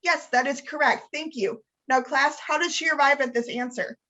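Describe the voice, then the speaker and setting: A woman reads a well-meaning male math professor who is awkward about pronouns. He addresses his class in a stiff, hesitant way, in a slightly high voice. The sound is dull and muffled, like online call audio. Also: normal speed, bright, forceful tone. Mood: apologetic. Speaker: student leader reading a training scenario. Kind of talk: read-aloud role-play scenario.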